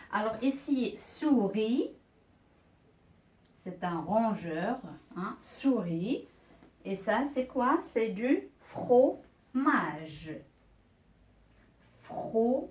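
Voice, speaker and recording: A woman's voice: mid-range voice, a little mellow, far from the mic. A woman teacher giving a beginners' reading lesson, patiently repeating words and syllables one by one. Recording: echoey room, voice off-mic.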